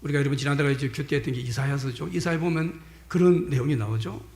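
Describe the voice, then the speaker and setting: A man preaching a Sunday sermon as pastor, addressing the congregation with rhetorical questions and moving between forceful emphasis and hushed whispers. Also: medium pitch, quick pace, gravelly. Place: church sanctuary during a Sunday service. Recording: echoey church hall.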